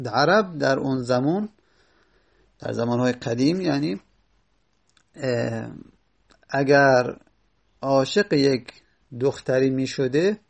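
Gravelly yet a little mellow at medium pitch, a man teaches grammar in a classroom lecture. He is patient, going over phrases repeatedly and citing Arabic verse to explain them.

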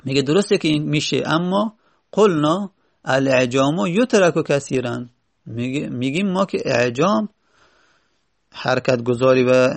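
Male teacher, slightly high, gravelly voice, reads Arabic phrases and explains them patiently. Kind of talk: seminary classroom lecture.

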